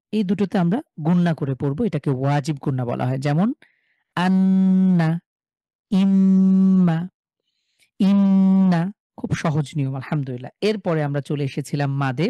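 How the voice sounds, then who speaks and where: A man's voice: fairly high pitch, no echo. Man from bangladesh giving an online quran lesson, dry close sound, lots of "uh" fillers. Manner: explains in a relaxed way with many fillers, chants example syllables slowly. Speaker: Quran recitation teacher.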